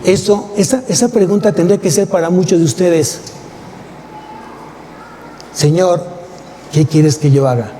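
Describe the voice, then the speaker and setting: Mexican male pastor, higher voice, mellow tone; emphatic sermon with rhetorical questions, long church reverb. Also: a little slow, pauses often. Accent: Mexican Spanish. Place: church sanctuary. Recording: long church hall reverb, faint noise.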